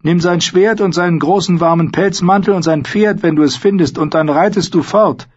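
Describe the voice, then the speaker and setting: Male narrator doing harsh, high old crone voices for an audiobook, blunt and ominous. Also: normal speed, dull audio.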